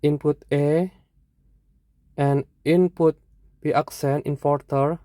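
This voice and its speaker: A teacher with an Indonesian accent, explaining a lesson in short, halting phrases and correcting themselves. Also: mid-range voice, steady tone, warm tone, no echo.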